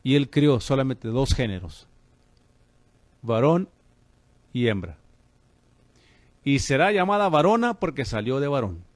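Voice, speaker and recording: A man's voice: medium pitch, expressive, unhurried, long pauses, no echo. A man preaching on the radio as a pastor and host, fervent and calling listeners brother.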